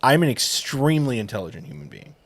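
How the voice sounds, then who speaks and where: A man hosting a casual whiskey tasting, talking in an animated, joking, enthusiastic way. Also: medium pitch, fast talker.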